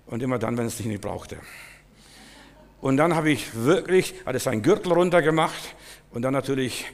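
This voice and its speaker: A man's voice: medium pitch, normal speed. Preaching man in a reverberant hall. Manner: emotional preaching, swings from quiet to loud, repeats words. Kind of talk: sermon.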